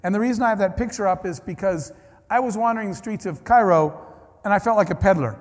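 A keynote speaker with a high voice talks quickly, spinning conversational anecdotes that wander into asides and restart midway. The recording carries the long reverb of a large conference hall.

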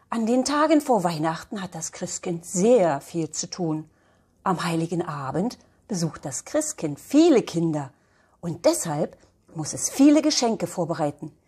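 A tender storybook mother, as a grandmother reader puts her on, explaining things patiently. She speaks slowly, with a soft breathy voice and a lively, lilting melody. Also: fairly low pitch, full character voice. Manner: warm soothing explaining tone. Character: gentle loving young mother.

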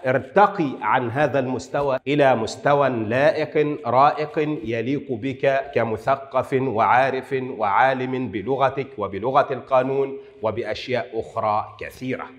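A man's voice: mid-range voice, normal speed, big-room sound. A man teaching a lesson on writing rules, asking his own questions and answering them, drawing out the example words with strong emphasis. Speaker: Arabic writing instructor.

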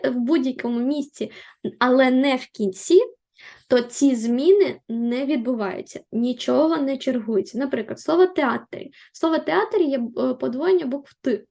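A woman language teacher explaining grammar rules, patiently repeating and rephrasing them and slowing down to spell out example words. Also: high voice, gravelly, darkish tone.

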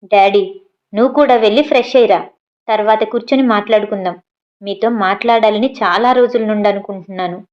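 A woman's voice: medium pitch, fairly quick, darkish tone, highs cut off, close to an everyday voice. A woman reading an audio story voices a college-age daughter who talks earnestly and stands her ground. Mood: pleading.

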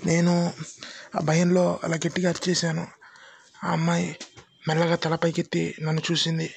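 A man tells a first-person horror story in a steady, suspenseful way. His voice is gravelly and husky, a little high, and stays nearly flat in tune throughout. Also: normal speed, no room sound.

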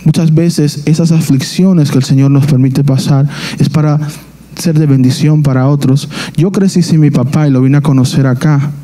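Dark-voiced man preaching. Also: on the high side, steady tone. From Dominican Republic. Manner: earnest, halting, restarts phrases often. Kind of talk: sermon with personal testimony. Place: church.

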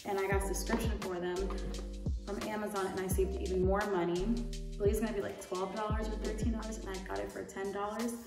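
Speaking fast with a flat delivery in a mid-range voice, a young woman chats informally to camera as a lifestyle YouTuber, rambling slightly through a product haul. The setting is an indoor room, with music in the background, a roomy echo and a mic placed at a distance.

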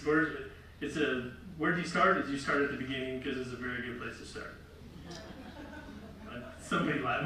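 With a fairly high-pitched, loud and bright voice, a middle-aged presenter rambles through a casual public talk with slides, correcting himself, restarting sentences and laughing lightly. The seated audience fills a large, very echoey room, and a camera far away records him over faint noise.

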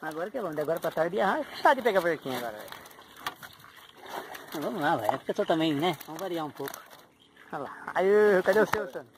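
A Brazilian man fishing outdoors, chatting excitedly and chanting calls to the fish. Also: a little high, rapid-fire, long pauses, background noise. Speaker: fishing vlogger. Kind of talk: casual running commentary while fishing. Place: outdoors at a pond.

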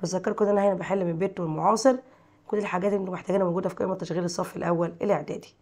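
A woman's voice: fairly low pitch, steady tone, very fast, a little mellow. A woman teacher with an Egyptian Arabic accent, working through textbook exercises, reading English sentences and translating them while quizzing her pupils.

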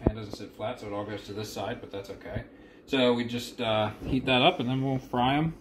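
A young home cook talks through a recipe in his noisy home kitchen, food sizzling in the background, as a casual cooking demonstration. His mid-range voice is fairly even and quick, and his delivery is laid-back and plain-spoken with lots of fillers.

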